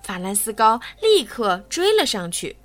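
Lively woman telling a bedtime story. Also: a little high, a little slow. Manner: lively and expressive for children. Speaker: children's storyteller.

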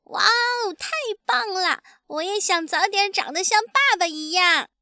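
Lady doing a tiny trusting baby dino, super high and chirpy, bright voice, swoops around a lot. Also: expressive, a little slow, no echo, studio quality, full character voice. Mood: eager. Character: sweet trusting baby ankylosaurus, small and eager.

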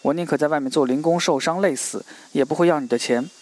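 A man's voice: fairly high pitch, fast talker, lightly acted. A man reading the lines of a proud, stubborn young woman who answers curtly.

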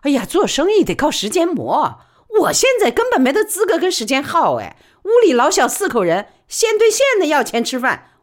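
A spirited, stubborn working woman talks fast and bright in a Wuhan dialect, as a woman storyteller voices her. Her pitch rises and falls with strong emphasis. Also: huge pitch swings. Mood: determined.

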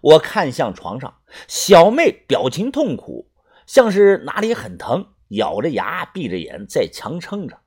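An audiobook narrator reading a first-person novel in an expressive, storytelling manner. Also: mid-range voice, a little slow, breathy edge.

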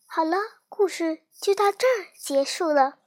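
Woman, children's story narrator, very high pitch, gentle, expressive, bedtime storytelling. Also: measured pace.

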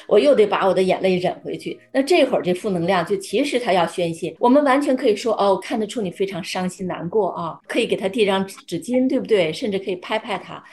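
A middle-aged woman speaking as a guest expert in psychology and cancer care, explaining in a lively, story-driven way and often acting out what doctors and patients say. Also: medium pitch, quick pace, hardly any pauses. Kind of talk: conversational explanation.

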